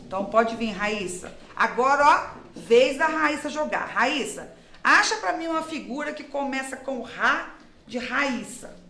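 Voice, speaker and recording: A woman's voice: high voice, expressive, sharp tone. A woman teacher running a syllable game with young pupils, coaxing them with questions. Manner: slow, coaxing, questioning children. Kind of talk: leading a classroom syllable game. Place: classroom. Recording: echoey classroom with background noise.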